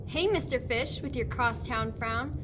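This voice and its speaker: A woman's voice: a little high, measured pace, close to an everyday voice. A woman voicing a friendly, cheery female clam in a storybook puppet show. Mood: cheery, coaxing. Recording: noisy amateur recording.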